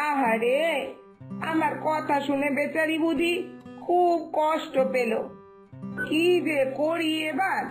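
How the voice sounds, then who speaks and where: A woman voicing a loud, blunt older village mother-in-law in a cartoon, who gossips and cannot lower her voice. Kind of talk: Bengali cartoon voice acting.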